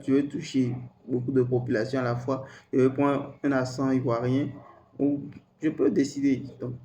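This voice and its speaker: A tutorial host narrates a screen-recorded software lesson, speaking hesitantly and repeating words while he types. He has a mid-range voice, and there is slight background noise.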